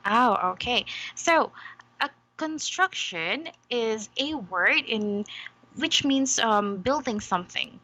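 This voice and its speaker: Slow, bright-voiced woman teaching English. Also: on the high side, animated, rough recording. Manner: patient, slow, frequent "okay?" checks. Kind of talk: demo English lesson.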